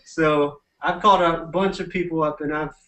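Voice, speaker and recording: A young man on a casual group call, excited and laughing easily. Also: a little high, moderate pace. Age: young adult. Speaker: network marketer. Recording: echoey room.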